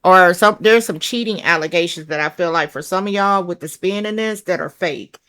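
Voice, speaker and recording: A woman with a country accent and a somewhat low voice reads tarot cards to her viewers in a loose, chatty way. She is blunt, swears casually, and thinks out loud over each card, calling her listeners child and baby. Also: normal speed. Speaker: tarot reader.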